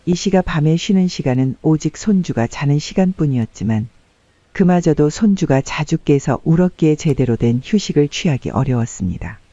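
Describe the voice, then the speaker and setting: Telling a family story in a measured, scripted audiobook style, a man speaks in an animated, slightly high voice with a very mellow, dark tone. It is recorded dry and close, with no room sound and the highs cut off.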